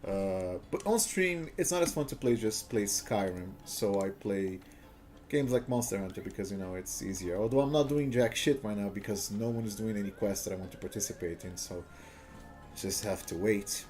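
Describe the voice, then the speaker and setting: A Portuguese-speaking man from Brazil rambles through casual chat on a gameplay live stream, chuckling along and peppering his talk with "uh" and restarts. His voice is lowish and somewhat dark. He speaks at a normal speed.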